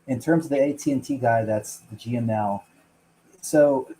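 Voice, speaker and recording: A man's voice: medium pitch, moderate pace, mellow, a little hiss or hum, rough recording. A man calling a sports show, asking a rambling, casual question. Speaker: caller.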